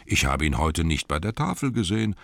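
A man reading an audiobook, putting on the voices of rowdy, merry young male elves who jeer loudly and impatiently. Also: low-pitched, very animated, a little fast, gravelly, no echo, studio quality, full character voice. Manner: loud, jeering, impatient. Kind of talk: audiobook character voice.

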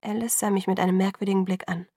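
A woman narrating an audiobook in the first person, measured and sometimes hushed. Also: medium pitch, level tone, slightly rough, no room sound, studio quality.

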